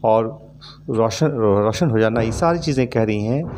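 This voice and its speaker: A male teacher explaining a children's poem. He recites each verse line, then slowly paraphrases it. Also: on the low side, warm tone, a little hiss or hum.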